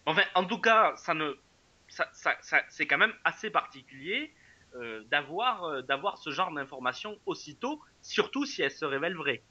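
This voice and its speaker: A man with a bright, forceful voice chats casually as co-host of a wrestling show, stumbling through fillers and restarts. His voice sits somewhat high. The recording is dry and a bit dull. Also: very animated, normal speed, no room sound. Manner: hesitant, many fillers and restarts. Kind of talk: casual podcast chat.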